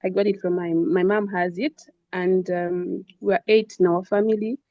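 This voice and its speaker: A woman from Zambia, a patient, shares her own experience softly on a video call, with frequent fillers. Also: fairly low pitch, little pitch movement, normal speed, no room sound, narrow, tinny audio. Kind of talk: personal account on a webinar.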